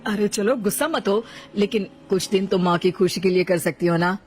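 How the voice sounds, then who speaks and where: Woman voicing a mild, coaxing young husband; mid pitch, faint music bed. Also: moderate pace, a little mellow, husky, close to an everyday voice. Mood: calm. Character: caring young husband and son. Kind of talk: voiced storybook drama.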